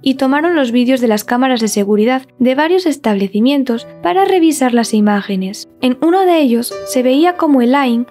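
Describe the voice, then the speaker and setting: A woman's voice: sits high, animated, fairly quick, hardly any pauses, a little mellow, soft background music. A woman reading a scripted true-crime narration.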